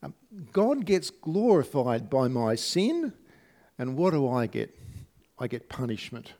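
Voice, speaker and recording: A man preaching a sermon in an unhurried, conversational way, asking his listeners rhetorical questions. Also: mid-range voice, big pitch swings, dark tone.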